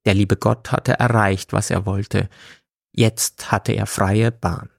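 Slow gravelly male storyteller. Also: fairly low pitch, little pitch movement, dry recording, studio quality. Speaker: narrator. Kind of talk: audiobook reading.

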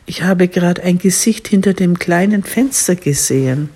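A woman's voice: on the low side, normal speed, warm tone, husky. A woman voicing a chatty little seahorse in a storybook tale, speaking in a bubbly way.

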